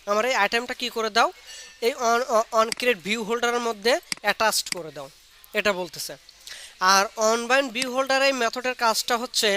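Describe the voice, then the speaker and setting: A man runs a live online programming lesson, explaining each step and firing questions at his students. His voice is bright and forward, picked up by a computer mic with a faint hiss of noise behind it. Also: sits high. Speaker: programming instructor. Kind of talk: live online coding class. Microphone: computer mic on a video call.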